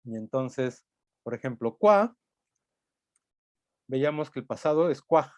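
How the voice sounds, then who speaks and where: A man's voice: medium pitch, expressive, unhurried, dry recording. A man teaching a language class, explaining step by step and thinking aloud, often checking in with tag questions. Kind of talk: recorded lecture.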